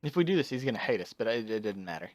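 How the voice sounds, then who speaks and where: A man's voice: lowish voice, sing-song, very fast, no echo. A man giving casual gameplay commentary, muttering to himself as he searches. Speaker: video game player.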